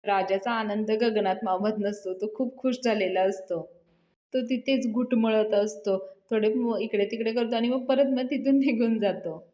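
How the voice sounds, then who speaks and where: Woman reviewer retelling an episode as a lively story, high-ish voice, roomy echo. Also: measured pace. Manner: lively storytelling, acting out dialogue. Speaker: TV serial reviewer. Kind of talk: episode recap narration.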